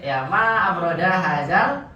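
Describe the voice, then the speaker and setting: A man's voice: sits high, lively intonation, measured pace, bright, forceful tone. Patient male Arabic teacher, echoey. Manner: patient, drills phrases for students to repeat. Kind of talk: online Arabic grammar class. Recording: echoey, distant, dull lo-fi sound with faint noise.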